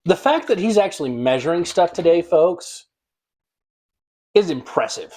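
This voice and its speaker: Lively, teasing male podcast co-host. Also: a little high, moderate pace. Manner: teasing, wry banter. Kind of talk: casual chat.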